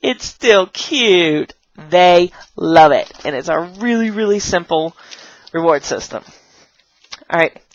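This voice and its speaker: A woman's voice: on the low side, animated, takes it slowly, no echo. A young woman who teaches English online chats in a bubbly, rambling way, recorded on a dull camera mic at home. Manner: bubbly and rambling, jumps into playful kid voices. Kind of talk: casual vlog chat showing props. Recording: dull, dry camera audio.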